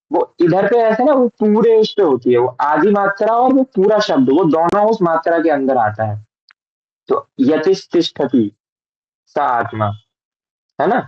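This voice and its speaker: A man's voice: high-pitched, no echo. Patient male vedanta teacher, lo-fi sound. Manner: patient, checks understanding with frequent "है ना, ठीक है"; slow deliberate recitation of Sanskrit verses. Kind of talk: classroom lesson on a Sanskrit text.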